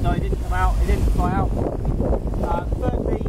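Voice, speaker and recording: A young man vlogging outdoors on a rocky shore, talking in a rambling, deadpan way with fillers and restarts. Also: high-pitched, normal speed, heavy background noise. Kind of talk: jokey outdoor vlog.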